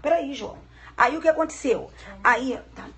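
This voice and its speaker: A woman's voice: high voice, normal speed, a bit bright. A middle-aged woman law professor giving a live-streamed lecture, chatty and affectionate, telling a case as a story.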